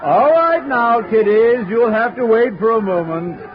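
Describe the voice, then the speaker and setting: An actor playing a jolly department store Santa in a 1940s radio drama. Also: male voice, very high-pitched, expressive, a little slow. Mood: jolly, announcing. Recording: muffled 1940s radio, crowd behind.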